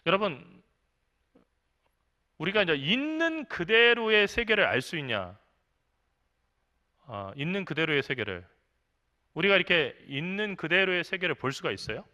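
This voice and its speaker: Lively Korean man preaching conversationally. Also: on the high side. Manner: conversational preaching with rhetorical questions and acted quotes. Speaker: senior pastor. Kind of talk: sermon. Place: church.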